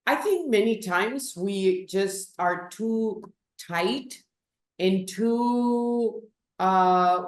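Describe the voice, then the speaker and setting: Slow-speaking Peruvian-born woman, echoey room. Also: mid-range voice. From Peru. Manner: slow, thoughtful, emphatic. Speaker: guest, business executive. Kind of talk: interview.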